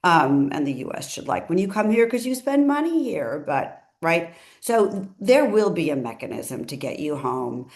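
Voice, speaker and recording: A woman attorney with a somewhat low voice talks through legal news as relaxed commentary. She speaks chattily, correcting herself mid-sentence and adding asides as she goes. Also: normal speed, hardly any pauses.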